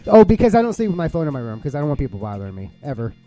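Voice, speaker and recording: A man's voice: on the high side, sing-song, very fast, warm tone, faint music behind. A male radio host running a trivia game, joking and teasing his guests in casual banter. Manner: joking, teasing, laughs often.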